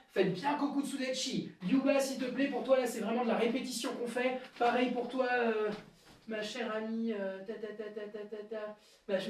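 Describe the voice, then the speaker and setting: A man teaching a karate class to children, calling counts in Japanese and guiding each move step by step, recorded live on a camera across the room. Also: very high-pitched. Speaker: karate instructor. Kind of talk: live online class instruction. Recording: very echoey room, from far off.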